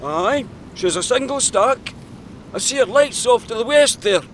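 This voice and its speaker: A man's voice: extremely high pitch, expressive, a little slow, fairly bright tone, a little hiss or hum, heavily acted. A man playing a blunt grumbling lighthouse keeper. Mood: dry.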